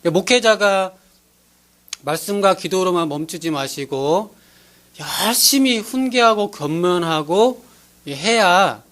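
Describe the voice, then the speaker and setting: A man's voice: sits high, fairly bright tone. A male pastor preaching a sermon in an earnest, pleading way, acting out little scenes as he goes.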